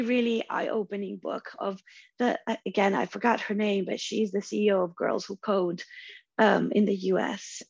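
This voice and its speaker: A woman with a hoarse, raspy voice that is nearly gone, speaking casually as an interview guest. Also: mid-range voice, dry recording. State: hoarse, losing her voice while unwell. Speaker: podcast guest, venture capital professional. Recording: dull, lo-fi audio.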